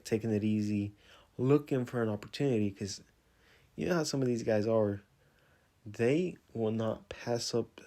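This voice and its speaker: A man's voice: on the low side, a little mellow. A man vlogging a casual fight recap, chatty and loose, openly a fan. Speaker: sports vlogger.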